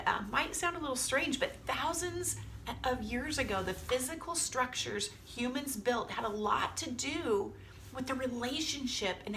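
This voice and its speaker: A woman's voice: on the high side, bright, forceful tone, a little hiss or hum. A woman speaking as a youth group leader, giving an informal, earnest sermon message and addressing her listeners directly.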